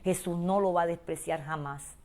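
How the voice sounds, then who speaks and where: Lady pastor preaching, kinda low voice, goes soft and pleading then loud and fervent. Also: fairly even intonation, moderate pace. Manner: emotive preaching, swings from soft intimate pleading to loud calls. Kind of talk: sermon.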